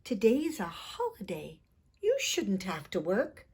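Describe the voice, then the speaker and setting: Woman playing a cocky young man, very animated. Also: medium pitch, slow, slightly rough, exaggerated voice. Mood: sweetly polite. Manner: bold, boastful, demanding. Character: cocky, greedy young Irish man seeking treasure.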